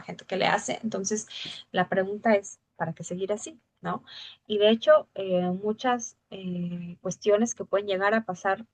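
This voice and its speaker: Woman teaching a Psalms study. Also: medium pitch. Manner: reflective, many fillers and rhetorical questions. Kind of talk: Bible study talk.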